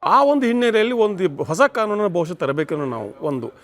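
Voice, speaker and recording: A man's voice: high-pitched, big pitch swings, a little fast, a bit bright. A man with a Kannada accent, a senior political analyst, arguing emphatically in a TV debate and slipping into English phrases. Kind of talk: debate commentary.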